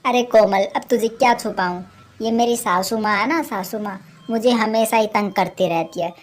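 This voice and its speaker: A woman voicing a scheming, sharp-tongued young wife crow who scolds her mother-in-law harshly. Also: medium pitch, normal speed, lightly acted. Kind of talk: cartoon voice acting.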